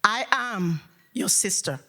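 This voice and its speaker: A woman's voice: mid-range voice, expressive, slow pace, heavy background noise. A woman from Africa giving a rousing motivational keynote speech to a live audience in an event hall, with a preacher-like call and response. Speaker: motivational speaker.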